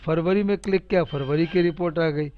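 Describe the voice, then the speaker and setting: Speaking briskly with a fairly high pitch, a male computer teacher runs a casual live spreadsheet tutorial, going over steps in a chatty, repetitive way that's both teasing and encouraging. The lo-fi recording is dull and carries a little hiss or hum.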